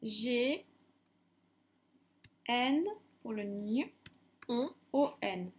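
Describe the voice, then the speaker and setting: A woman teacher giving a phonics lesson to young children, dictating syllables slowly and repeating each one clearly. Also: on the high side.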